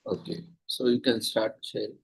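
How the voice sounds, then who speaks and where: A man's voice: fairly low pitch, flat delivery, normal speed, gravelly, slightly rough, rough recording. A man with an Indian accent moderating an online conference session and giving participants instructions.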